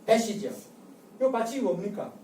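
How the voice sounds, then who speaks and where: Older lecturer, mellow tone, quizzing the class with repeated questions; picked up from a distance in a reverberant room. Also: mid-range voice, very animated, moderate pace, a little hiss or hum. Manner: drills the audience with call-and-response and repeated rhetorical questions. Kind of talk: public lecture. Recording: echoey lecture room from far off.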